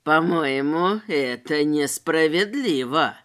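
A woman voicing a noseless, mocking male street robber with a hoarse, wheezy voice and slow, sneering taunts. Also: sits low, animated, a bit bright, pitched below the performer's own voice, heavily acted.

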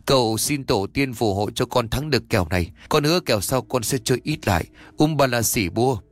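A man narrating a ghost story in a lively, expressive storytelling manner. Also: mid-range voice.

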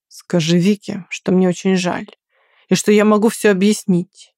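A woman's voice: medium pitch, level tone, moderate pace, a little mellow, dry recording, studio quality, natural voice. A woman reading an audiobook and voicing an angry, sarcastic young man who is the heroine's former lover. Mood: weary. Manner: pushy, then weary and sarcastic.

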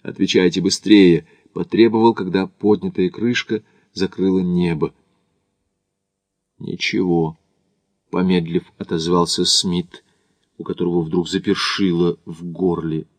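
Low-voiced male audiobook narrator. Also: fairly even intonation, no room sound. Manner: measured literary reading.

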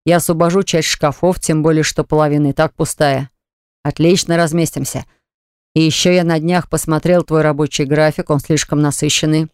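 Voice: mid-range voice, steady tone, normal speed, smooth, no echo, studio quality, lightly acted. Narrator doing a bossy, commanding grown man. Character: domineering grown man, pushy lover. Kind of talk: audiobook character voice.

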